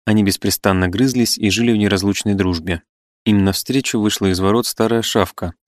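Low-voiced man narrating a classic novel. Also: no room sound, clean studio sound. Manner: measured, even narration. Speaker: audiobook narrator. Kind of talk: literary audiobook reading.

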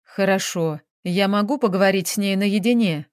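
A woman's voice: medium pitch, normal speed, dry recording, studio quality, natural voice. Woman voicing a flustered businessman. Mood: sullen. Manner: agitated, blustering, whining. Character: flustered middle-aged male businessman.

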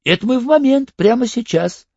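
A man's voice: very high voice, lively intonation, normal speed, breathy edge, no room sound, voice pushed up, heavily acted. A fawning young male errand boy, played by a man reading aloud answers eagerly in a raised, servile voice. The audiobook recording is dull and dry.

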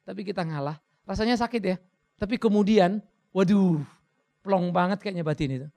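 A man preaching a fervent sermon as pastor, blunt and scolding, swinging between quiet, low talk and loud, high exclamations. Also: a little fast, vocal fry, dry recording.

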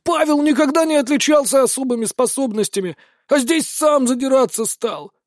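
A man's voice: very high voice, normal speed, no room sound, clean studio sound, pitched above the performer's own voice. A man voicing a sulky, dim-witted young nobleman who whines indignantly at his father. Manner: whiny, indignant.

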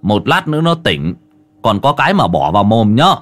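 A man voicing a gruff, irritable old uncle who scolds bluntly. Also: fairly low pitch, very animated, moderate pace.

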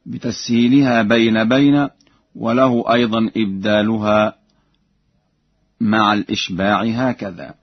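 A man teaching Quranic reading variants on radio, explaining methodically and demonstrating verses in slow recitation. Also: lowish voice, breathy edge, dry recording. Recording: dull dry radio studio recording.

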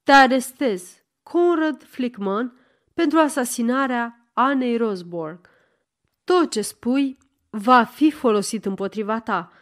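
A stern male police detective in a spoken storybook, voiced by a woman reader. He speaks formally and firmly. The voice stays fairly high. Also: lively intonation, lightly acted.

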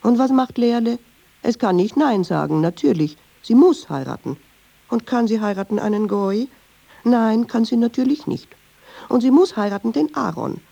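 In a radio play, a talkative, wry woman tells a story in a husky, creaky voice with lively pitch swings. She digresses freely in colloquial speech and takes offence easily, all in a chatty, sardonic mood. The audio sounds dull.

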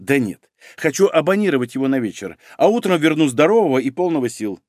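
A man's voice: on the high side, big pitch swings, quick pace, a little mellow, no room sound, clean studio sound. A man reading the part of a brash, flirtatious, large middle-aged woman who teases her colleagues. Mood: teasing. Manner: teasing, bold.

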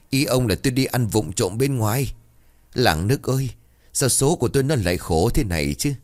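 A man's voice: a little mellow, dry recording, clean studio sound. A man voicing a middle-aged village wife who scolds and wails. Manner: scolding, wailing, shrill.

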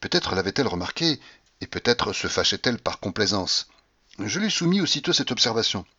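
A man's voice: lowish voice, sing-song, a little fast, pushed and bright, no echo, lo-fi sound. A man giving a dramatic, impassioned reading of a classic novel in the first person, with a feverish delivery. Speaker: audiobook reader.

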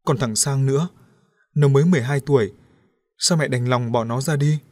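A man's voice: mid-range voice, moderate pace, darkish tone, no echo, studio quality, natural voice. A man voicing a grieving young daughter in an audiobook, pleading and tearful with rising cries. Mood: grief-stricken pleading. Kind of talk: audiobook character voice.

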